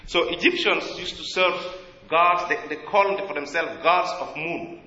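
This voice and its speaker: With a South Sudanese accent and a bright, forceful, slightly high voice, a man preaches in an American church, earnest and halting as he searches for words. The dull lo-fi sound rings through a big reverberant hall, with a little hiss or hum.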